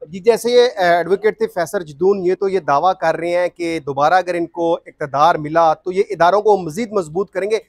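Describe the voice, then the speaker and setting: High-voiced reporter, probing. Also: male voice, moderate pace, no room sound, clean studio sound. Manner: probing, leading questions. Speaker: news reporter. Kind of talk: field reporting and interviewing.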